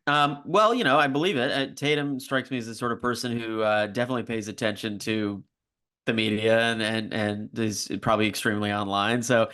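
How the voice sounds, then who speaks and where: A man co-hosting a casual sports podcast, talking in a relaxed, hedging way with many restarts and sudden bursts of emphasis. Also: fairly low pitch, fairly quick. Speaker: podcast co-host.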